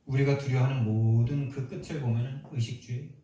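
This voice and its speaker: A man's voice: medium pitch, fairly even intonation, fairly quick, dark tone. Emphatic male pastor in an echoey church. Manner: emphatic, rhetorical questions to the congregation. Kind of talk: sermon. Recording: echoey hall from far off.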